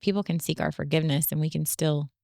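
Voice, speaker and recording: A woman's voice: low voice, fairly even intonation, quick pace, gravelly, dark tone, no echo, studio quality. A woman co-hosting a faith-based family podcast, talking earnestly and reflectively with many fillers. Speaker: podcast co-host.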